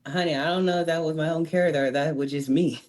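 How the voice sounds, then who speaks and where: A woman's voice: deep voice, fairly even intonation, fast talker, noisy background. A woman in her thirties, a former wrestler talking as an interview guest, candid and outspoken, often laughing. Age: 30s. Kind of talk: casual interview chat.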